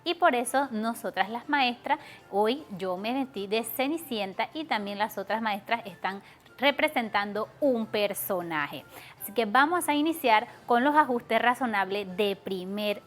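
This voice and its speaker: A woman teacher giving a televised class to schoolchildren, explaining patiently step by step and stretching out words. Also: fairly high pitch.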